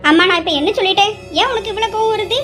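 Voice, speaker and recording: A woman's voice: very high voice, very fast, a bit bright, faint music behind. A woman voicing an angry, hot-tempered young daughter complaining indignantly, in an audio drama. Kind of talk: amateur audio drama acting.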